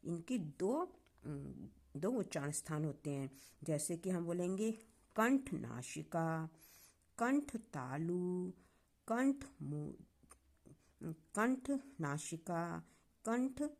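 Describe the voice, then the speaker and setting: A woman teaching a grammar lesson online, explaining patiently, sounding out syllables slowly and asking the class questions. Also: on the low side, expressive, a little mellow.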